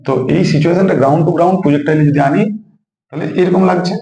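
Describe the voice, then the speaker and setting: A man's voice: on the high side, moderate pace, warm tone, roomy sound, low-quality recording. A man teaching physics at a whiteboard, explaining step by step, repeating numbers and asking his students questions. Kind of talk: whiteboard lesson. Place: room with a student nearby.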